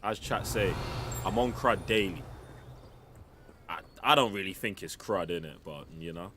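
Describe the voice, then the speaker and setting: A man's voice: low-pitched, moderate pace, a bit bright, a little hiss or hum. Slangy British man streaming a game. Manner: slangy, joking banter with chat. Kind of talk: gaming livestream commentary.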